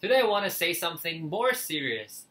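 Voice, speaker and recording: A young Hong Kong man, a native Cantonese speaker with a Cantonese accent, earnestly shares opinions to camera as a language-learning vlogger. His fairly high voice swings widely in pitch, fairly quick, bright, and forceful. He's indoors in a small living room.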